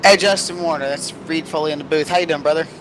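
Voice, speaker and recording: A male motorsport commentator speaks in a somewhat high voice. He calls racing live in a conversational broadcast style. There is clear vehicle noise behind him. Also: quick pace. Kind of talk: live race commentary with casual trackside interview. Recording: noisy broadcast with vehicle rumble.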